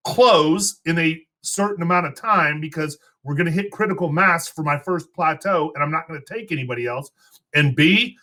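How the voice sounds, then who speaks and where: Man, podcast host, high bright voice, fired up, preachy. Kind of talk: casual chat.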